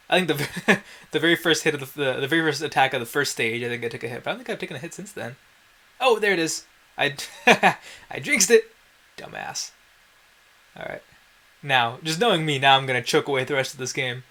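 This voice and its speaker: This let's play host offers casual gameplay commentary, wry and self-deprecating, dropping the occasional mild swear. His voice is fairly high-pitched with a sharp edge.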